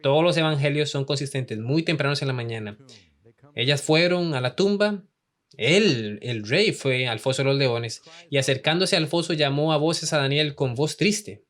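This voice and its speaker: Un hombre que enseña una lección bíblica en español y hace muchas preguntas al público. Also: male voice, on the high side, expressive, normal speed, a bit bright. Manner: asks the audience many questions. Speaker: Bible teacher. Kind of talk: Bible study lesson in Spanish.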